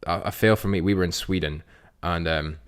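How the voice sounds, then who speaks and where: A young man with a very low voice co-hosts a relaxed podcast. He tells long, rambling stories full of restarts and acts out his own lines as he goes. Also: fairly quick, clean tone. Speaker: podcast co-host. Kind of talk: casual chat.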